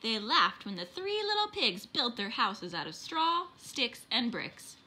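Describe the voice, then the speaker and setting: A woman reading a children's picture book aloud in an expressive, animated way. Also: on the high side, unhurried. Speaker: storybook reader.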